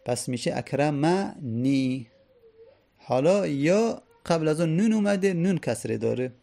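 Male teacher with a gravelly, mellow voice, who chants drills and then explains. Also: mid-range voice. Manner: recites Arabic conjugations in chanting drills, then explains casually. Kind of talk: Arabic grammar lesson.

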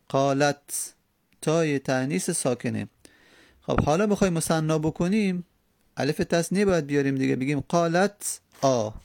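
Gravelly-voiced man teaching grammar. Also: fairly high pitch, a little mellow, no echo, studio quality. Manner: patient, repeats examples, rhetorical questions. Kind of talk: classroom lesson explaining grammar rules.

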